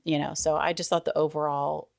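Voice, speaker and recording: A woman's voice: low-pitched, level tone, a little fast, vocal fry, no room sound, studio quality. A middle-aged woman co-hosting a podcast in casual chat, rambling and laughing often. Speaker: podcast co-host.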